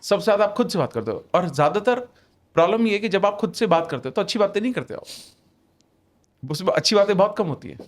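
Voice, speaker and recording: A man speaking as a guest on a podcast, his voice sitting a little higher than most men's. He is emphatic, repeats key phrases to drive them home and slides into English mid-sentence. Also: animated, quick pace. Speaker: podcast guest, manifestation author. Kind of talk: casual podcast conversation.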